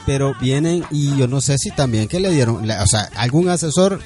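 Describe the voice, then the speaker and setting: A Salvadoran man with an average-pitched voice, riffing in crude slang and mocking jokes. Faint music sits under his talk. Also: expressive, normal speed, a little mellow. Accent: Salvadoran Spanish. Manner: profane, joking commentary. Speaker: podcast co-host. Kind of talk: crude casual banter.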